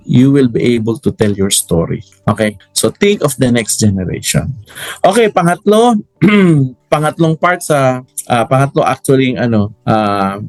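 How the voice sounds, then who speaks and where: Animated male Bible study preacher. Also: medium pitch, no echo. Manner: animated storytelling, challenges listeners with questions.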